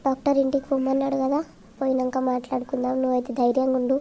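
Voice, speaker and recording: A caring elder sister in a cartoon, played by a woman with a Telangana accent. Her voice is high and flat with a gravelly edge. She soothes others and scolds them gently. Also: racing. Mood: soothing. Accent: Telangana Telugu.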